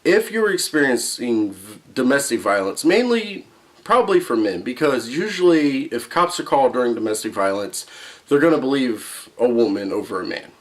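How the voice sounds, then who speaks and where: A man's voice: medium pitch, animated, normal speed. A male vlogger giving an informal, opinionated rant, emphatic and swearing, with rhetorical questions thrown in.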